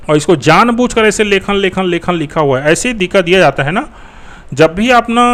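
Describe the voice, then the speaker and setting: A man's voice: high-pitched, a bit bright. A male teacher walking through exam answers in a conversational, think-aloud way.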